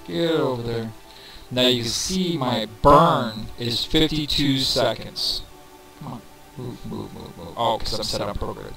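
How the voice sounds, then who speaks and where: A man's voice: medium pitch, a bit bright. A man narrating a casual game walkthrough, thinking aloud with fillers and counting down numbers, his voice carrying reverb from a poor microphone. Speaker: gameplay tutorial narrator. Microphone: cheap desk microphone. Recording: reverby mic with crowd noise behind.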